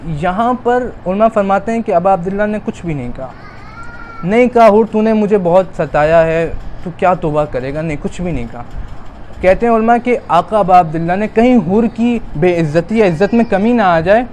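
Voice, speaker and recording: A man from Pakistan giving a Muharram majlis sermon, retelling dialogue and rising into a loud, drawn-out lament. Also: high-pitched, a little hiss or hum. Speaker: preacher.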